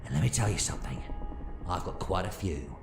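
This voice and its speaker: A man's voice: low voice, expressive, fairly quick. A man playing an eccentric, commanding alien adventurer in an audio drama, theatrically swinging between playfulness and grave authority. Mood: urgent, defiant. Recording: echoey sound with music underneath.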